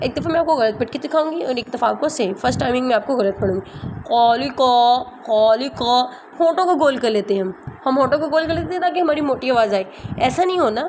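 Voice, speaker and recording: A woman teaching a tajweed lesson, patiently repeating letter sounds slowly and checking that students follow. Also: high-pitched, a little hiss or hum. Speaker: Quran recitation teacher.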